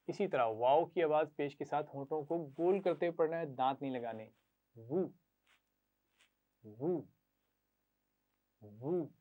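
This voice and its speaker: Man, children's reading teacher, patient, repeats sounds slowly, frequent praise, mid-pitched voice, tinny narrow sound. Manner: patient, repeats syllables slowly for pupils to echo. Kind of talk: classroom lesson to children.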